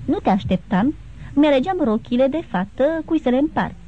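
A woman's voice: high voice, animated, a little hiss or hum, pitched above the performer's own voice. A woman voicing a tender young bride in an audiobook, reading her lines with emotion. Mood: eager. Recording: tinny phone-like sound.

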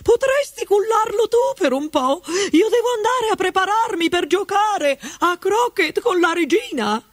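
A woman's voice: extremely high pitch, lively intonation, measured pace, few pauses, no echo, voice pushed up. A woman voicing a rude, bad-tempered noblewoman in a storybook, shrieking and scolding. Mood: brusque.

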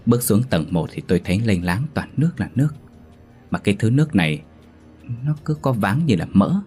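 A man's voice: on the low side, sing-song, fairly quick, a little mellow, soft background music. A man voicing a frightened, grieving middle-aged village father whose words tremble with fear. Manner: trembling, fearful.

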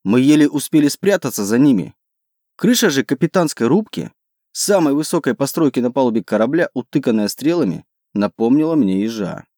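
Measured male audiobook narrator, dry sound. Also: medium pitch, no echo. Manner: even, measured reading. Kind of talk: scripted first-person fantasy narration.

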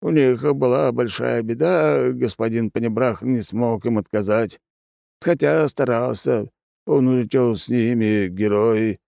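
Old village elder played by a male reader: toothless, slow, dignified mumble. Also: medium pitch, gravelly, warm tone, no echo, studio quality, pitched above the performer's own voice. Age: older.

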